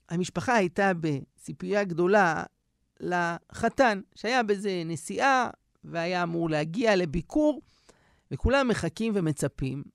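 Animated storytelling rabbi, dry studio sound. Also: male voice, high voice, creaky, no room sound. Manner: animated storyteller, acts out scenes. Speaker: rabbi and storyteller on a radio show. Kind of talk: radio storytelling.

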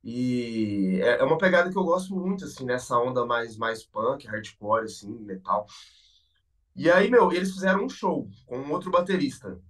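A man telling an excited anecdote about his band, animated, swearing and stumbling over repeated words. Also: medium pitch, normal speed, far from the mic. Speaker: band member, interviewee.

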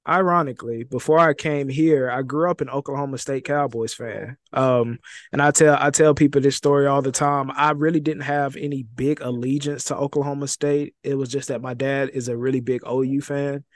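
A man's voice: mid-range voice, fairly even intonation, normal speed, no room sound. A young man from Texas, co-hosting a sports podcast in an easygoing way, often repeating words. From Dallas, Texas. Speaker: assistant sports editor, co-host. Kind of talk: casual sports podcast chat.

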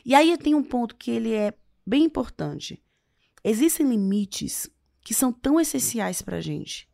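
A woman's voice: fairly high pitch, measured pace, gravelly, no echo, studio quality. A woman, an author answering interview questions with advice and leaning hard on key words. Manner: expressive, stressing words as she explains. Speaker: author and guest.

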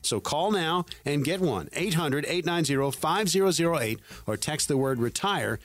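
Infomercial-style male radio pitchman, dry studio sound. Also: animated, normal speed, a bit bright, no room sound. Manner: persuasive, repeats slogans and phone number. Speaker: radio show co-host and announcer.

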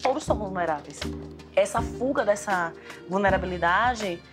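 A woman's voice: medium pitch, normal speed, music in the background. A woman speaking earnestly as a guest on a talk show, explaining how emotions and relationships work.

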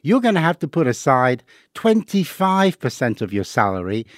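A man's voice: medium pitch, very animated, normal speed, no echo, clean studio sound. A middle-aged man from Hong Kong, a guest on a finance podcast, explaining rules of thumb patiently with worked examples. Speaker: investing guest. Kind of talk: podcast interview.

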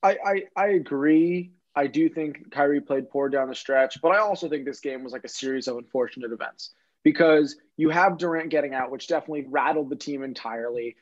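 A man's voice: a little high, a little fast. Teasing man on a lo-fi mic. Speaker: sports podcast co-host. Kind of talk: casual sports talk.

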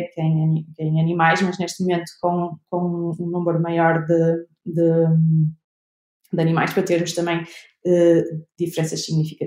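A young woman with a European Portuguese accent explains her research in an interview. She talks hesitantly, full of fillers and restarts. Her voice sits a little low and carries a roomy echo. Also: dark tone. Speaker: researcher guest. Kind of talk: interview answers.

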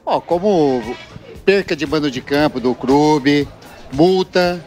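Low-key man giving short answers. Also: slow pace, darkish tone, soft background music. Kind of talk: street interview answers. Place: outdoors at a lunch spot.

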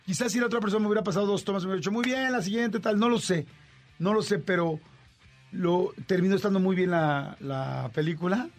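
A man's voice: high voice, fast, soft background music. A man with a Mexican Spanish accent, a radio host and voice actor, telling a story in casual chat and acting out the dialogue. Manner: animated, acts out dialogue with shifting voices.

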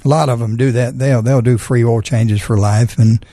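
A man's voice: medium pitch, steady tone, moderate pace, warm tone, no room sound. A man talking casually about cars on radio as a garage-owner guest, in a folksy, plain-spoken way. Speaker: auto repair shop owner, radio guest. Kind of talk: casual radio talk about car repair.

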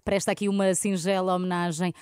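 A woman's voice: on the low side, little pitch movement, quick pace, a little mellow, clear, resonant tone, no room sound, studio quality. A woman with a European Portuguese accent co-hosting a comic podcast in a wry, teasing manner. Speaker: co-host.

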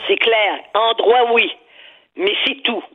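A woman's voice: a little high, takes it slowly, slightly rough. A woman giving strong opinions in a radio chat, often repeating words as she searches for them. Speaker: guest commentator. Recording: phone-line sound.

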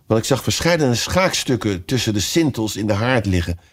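A man's voice: lowish voice, sing-song, normal speed. A man voicing a curious, polite young girl in a storybook reading. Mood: musing.

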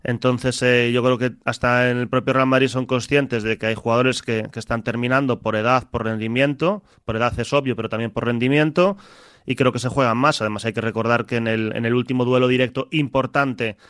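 A man speaking as a pundit in a radio sports debate. He sounds measured and reflective, pausing often on hesitations. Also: mid-range voice, steady tone, fairly bright tone, clear, resonant tone, no room sound, clean studio sound.

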